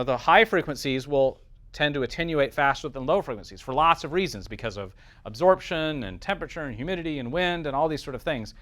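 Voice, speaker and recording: A teacher or lecturer with a fairly high, fairly bright voice runs a class informally, explaining technical material step by step. He checks in with his listeners as he goes, using words like "right" and "okay."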